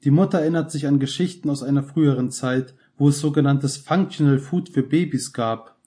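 A man narrating a short story in a calm, measured reading. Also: on the high side. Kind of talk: scripted audiobook narration.

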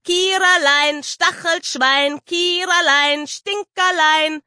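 Woman doing a shrill teasing little girl. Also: animated, takes it slowly, pushed and bright, no room sound, clean studio sound, heavily acted. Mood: taunting sing-song. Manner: sing-song mocking rhymes, shrill. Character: cheeky shrieking little girl, teasing taunter. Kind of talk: audiobook character voice.

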